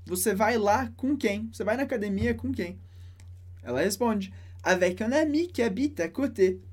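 Woman teaching French, husky voice. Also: medium pitch, expressive. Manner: slow, careful pronunciation of French phrases. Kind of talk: language lesson explaining a dialogue.

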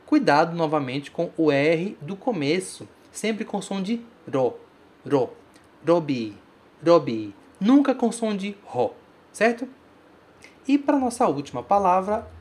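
Brazilian-accented language teacher, mid pitch, patient, repeats words for the learner in a recorded lesson. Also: a little mellow, slight background noise. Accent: Brazilian Portuguese. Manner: patient, repeats example words slowly to model pronunciation.

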